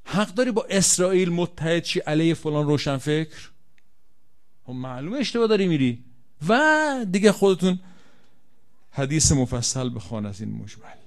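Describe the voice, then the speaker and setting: A man giving a religious lecture, reading aloud from an old Arabic text and translating it line by line for his listeners. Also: a little high. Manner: swings from quiet to loud, emotional emphasis. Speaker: preacher.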